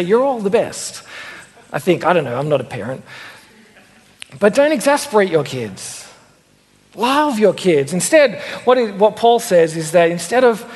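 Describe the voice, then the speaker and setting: A young man delivers a sermon in a casual, animated manner, dropping self-deprecating asides. His voice sits high for a man. The sound carries a long reverb from the church. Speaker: preacher.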